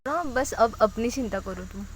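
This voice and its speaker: A woman's voice: on the high side, lively intonation, normal speed, a little hiss or hum, lightly acted. A woman voicing a jealous young woman in a love story who has been drinking and talks back defiantly. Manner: shouting, defiant.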